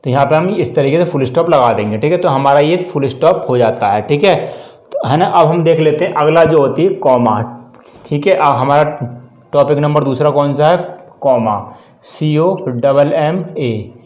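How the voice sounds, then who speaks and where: Guy teaching grammar, kinda high voice, spells words out letter by letter, echoey room. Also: normal speed, a little mellow. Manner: spells words letter by letter, repeats "ठीक है" often. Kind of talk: grammar lesson explained step by step.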